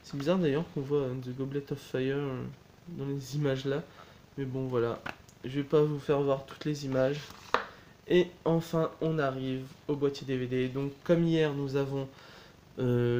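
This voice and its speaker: A man talks through his collection in a relaxed, rambling way, stopping often to hesitate and correct himself. His voice sits at an ordinary middle pitch for a man. A faint hiss stays under the recording. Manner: chatty, many hesitations and self-corrections. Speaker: collector showing a DVD box set. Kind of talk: casual unboxing chat.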